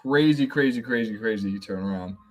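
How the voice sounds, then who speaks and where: A man co-hosting a casual sports podcast, excitable, laughing often and repeating words. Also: lowish voice, a little fast. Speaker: podcast co-host.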